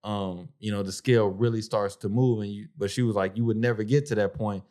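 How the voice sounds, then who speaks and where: A man's voice: fairly low pitch, fairly even intonation, fairly quick, warm tone. A man co-hosting a podcast in casual, colloquial chat, addressing his friend like a buddy. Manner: colloquial, peppers speech with "bro" and "man". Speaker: podcast co-host.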